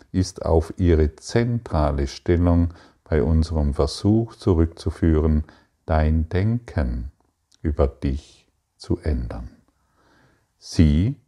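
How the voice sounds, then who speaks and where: A man giving a spiritual teaching, reading passages aloud and answering his own rhetorical questions in a deliberate way. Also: rumbling low, dark tone.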